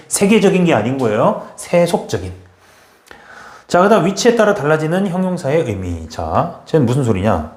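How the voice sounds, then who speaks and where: A man teaching an English grammar lesson in a brisk way, often checking in with his students and urging them to memorize. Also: a little high, darkish tone, roomy sound. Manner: brisk, repeats "okay?" and pushes students to memorize. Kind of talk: classroom lecture.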